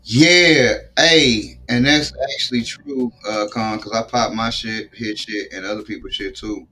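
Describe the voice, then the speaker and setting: A man's voice: on the low side, unhurried, bright, forceful tone, slightly rough, soft background music. Slangy, laid-back streaming man. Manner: loose, slangy, swearing freely. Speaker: podcast host showing his grow. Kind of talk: casual stream chat.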